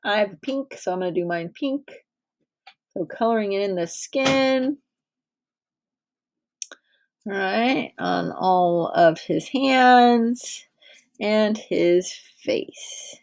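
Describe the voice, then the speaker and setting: A woman's voice: medium pitch, drawn-out words, creaky, pauses often, darkish tone. A woman teacher in her thirties leading a drawing lesson for small children, patient and encouraging. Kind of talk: directed drawing lesson for young kids.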